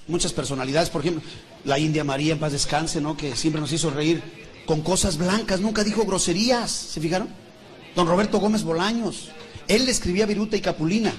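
A man with a Mexican accent telling jokes as a stand-up comedian, chatty, asking the audience and laughing at his own lines. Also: high voice. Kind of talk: joke telling.

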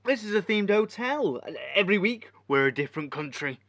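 A man playing a brash hotel owner who puts on a Scottish accent, loud, jolly and leering. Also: sits high, expressive, fairly quick, no room sound. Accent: put-on Scottish.

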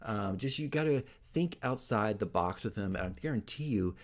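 Seated in a small, furnished room at home with a desk mic before him, a man in his forties hosts a vlog of game-mastering tips. His voice is on the low side and animated, at a normal speed. He talks to camera casually and emphatically, sharing his opinions.

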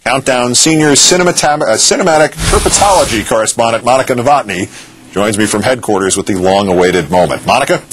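A man's voice: mid-range voice, expressive, quick pace, slight background noise. A middle-aged man anchoring a TV news show from a studio, with a dry, sardonic delivery. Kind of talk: wry broadcast news delivery. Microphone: lapel mic.

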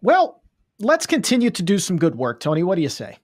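A man's voice: high voice, huge pitch swings, fairly quick, dry recording. A man in his thirties hosting a podcast from his studio, talking in an enthusiastic, conversational way with emphatic remarks. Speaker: podcast host. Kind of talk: casual interview chat. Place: home studio room. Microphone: studio mic, video call.

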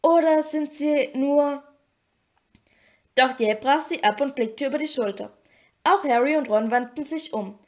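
A woman reading a fantasy novel aloud as an audiobook, with steady, expressive storytelling. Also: high-pitched, normal speed. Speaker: audiobook reader. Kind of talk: audiobook narration.

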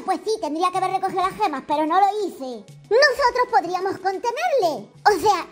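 A woman with a Spain Spanish accent giving excited, chatty gameplay commentary to her viewers. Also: very high-pitched. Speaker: gaming YouTuber.

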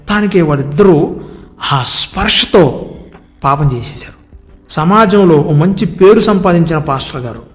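A man preaching an earnest devotional sermon, repeating words for emphasis and drawing out key phrases. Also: on the high side. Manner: earnest, repetitive cadence, drawn-out emphatic words. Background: soft background music.

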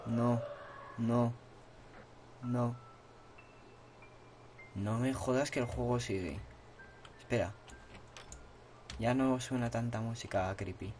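A man with a Spain Spanish accent giving horror let's-play commentary, repeating himself and yelling and swearing at the game. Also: medium pitch, steady tone, takes it slowly, pauses often, noisy background. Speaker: gaming channel host.

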